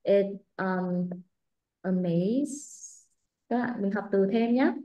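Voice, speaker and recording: Animated Vietnamese woman teaching English. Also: mid-range voice. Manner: switches between model English answers and brisk explanations, animated. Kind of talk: live online IELTS speaking class.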